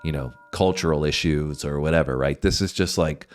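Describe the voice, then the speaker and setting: A man giving casual reaction commentary, halting as he searches for words. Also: a bass voice, soft background music. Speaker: reaction video host.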